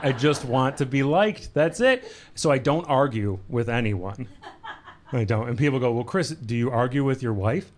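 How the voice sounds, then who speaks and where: A man's voice: medium pitch, expressive, moderate pace. Man, stand-up comic, self-amused, handheld mic, live club, audible room noise. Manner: self-amused, playful crowd work. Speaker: stand-up comedian. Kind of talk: stand-up comedy set. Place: comedy club stage.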